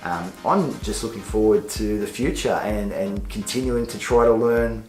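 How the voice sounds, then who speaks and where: A man's voice: on the low side, moderate pace, a little mellow. A middle-aged man talking casually for a vlog, earnest and agreeable. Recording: echoey room, faint music.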